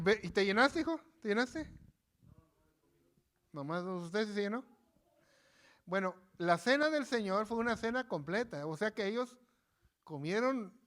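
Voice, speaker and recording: In a church sanctuary, a pastor preaches an informal live sermon with a chatty, folksy style, trading banter with his congregation and repeating himself a lot. He has a high, fairly bright voice.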